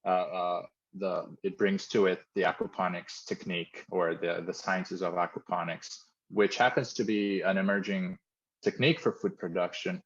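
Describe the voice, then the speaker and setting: A man with a very low voice, from Mozambique, talks through his company's work in a careful, thoughtful way with plenty of fillers. He is heard over a video call, and the sound is dull and muffled. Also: fairly even intonation, normal speed, a bit bright. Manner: thoughtful, explanatory, with frequent fillers. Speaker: company founder, interview guest.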